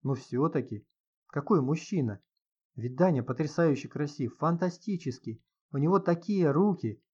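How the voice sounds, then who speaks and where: Casual: guy doing a nosy older woman, gossipy and lively, dull lo-fi audio. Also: a little high, normal speed, slightly rough.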